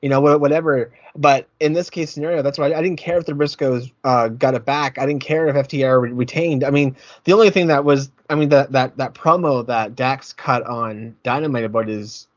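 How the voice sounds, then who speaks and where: A man's voice: mid-range voice, fairly quick, few pauses, no echo, highs cut off. A man hosting a casual wrestling podcast, rambling, repeating his words and getting heated. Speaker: podcast host.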